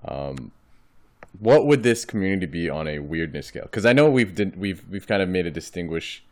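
A man's voice: low voice, animated, fairly quick, darkish tone. A man hosting a casual interview podcast, rambling and restarting his sentences as he asks questions. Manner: rambling, hesitant, full of restarts. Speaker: podcast host.

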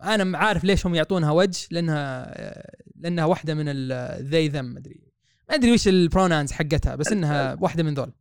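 A man's voice: fairly high pitch, clear, resonant tone, no room sound, clean studio sound. A man, co-hosting a casual podcast chat, blunt and ranting. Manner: blunt, ranting, fast-talking. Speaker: podcast co-host.

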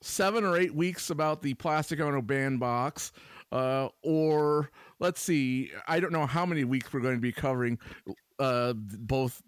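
A man's voice: mid-range voice, measured pace, smooth, dry recording. Joking, hesitant man co-hosting a podcast. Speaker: podcast co-host. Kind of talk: casual podcast chat.

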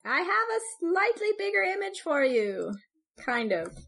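A woman's voice: very high-pitched, very animated, measured pace, creaky, fairly bright tone. A woman with a Canadian accent co-hosting a podcast, chatting casually and laughing often. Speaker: podcast co-host. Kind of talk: casual chat, scoring popes.

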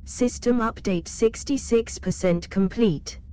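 A woman voicing a female ship computer with a metallic cyborg voice, giving flat, clipped status announcements. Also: a little high, takes it slowly, clear, resonant tone. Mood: announcing.

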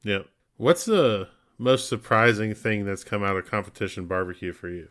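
A man with a low voice hosts a relaxed interview. He keeps his remarks short and agreeable before asking his next question. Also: moderate pace. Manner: brief, agreeable backchannels.

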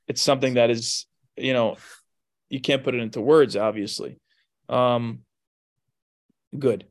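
A man leading a text study, reading passages and explaining them line by line, rising in pitch as he stresses key points.

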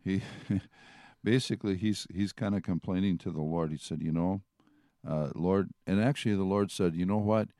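A man's voice: sits low, fairly even intonation, moderate pace, dark tone, dry recording, clean studio sound. A man teaching from the Bible in a conversational way, retelling and reading passages aloud. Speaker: preacher.

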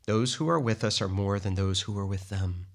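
A man's voice: fairly low pitch, moderate pace. A man reading the lines of a stern older male prophet, grave and commanding, in a scripture reading. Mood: reassuring.

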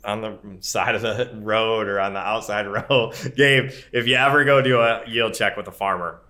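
Bright, forceful, lowish-voiced male podcast co-host. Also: fairly even intonation, moderate pace. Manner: folksy, emphatic, checks in with "right?". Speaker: podcast co-host and grain marketing advisor. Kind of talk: casual advisory podcast talk.

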